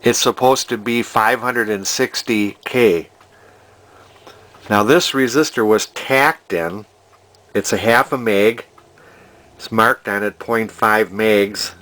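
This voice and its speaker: An older man with a fairly low, somewhat bright voice casually narrates a repair as a hobbyist vintage TV restorer. He talks slowly and pauses often, rambling and hesitating as he thinks aloud.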